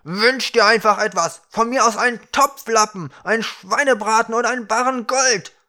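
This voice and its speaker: A man voicing a huge, fat, glowing fire creature, impatient and stubborn, gruff and insistent in a storybook reading. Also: a little high, normal speed, a bit bright, close to an everyday voice. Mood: angry.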